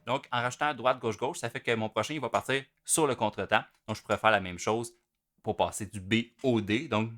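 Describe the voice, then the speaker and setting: A man, explaining drum rudiments in a relaxed, casual way with many fillers. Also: medium pitch, brisk, over music. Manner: relaxed, talks through patterns with many fillers. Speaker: drum teacher.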